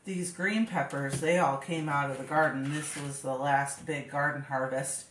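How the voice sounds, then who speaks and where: Her nose stuffed up, a woman with a low voice gives a casual kitchen demonstration at home, chopping and bagging food as a home cook vlogger. She chats freely and thinks aloud, peppering pauses with relaxed ums. The room echoes, and constant background noise sits under her speech.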